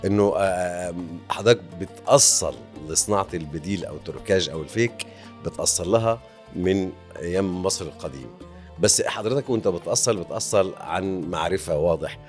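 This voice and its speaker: A man's voice: low voice, quick pace, faint music behind. A man with an Egyptian Arabic accent hosting a podcast interview, chiming in often and finishing his guest's sentences. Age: 60s. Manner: engaged, frequent backchannel agreement, finishing the guest's sentences. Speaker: podcast host. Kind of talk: casual interview talk.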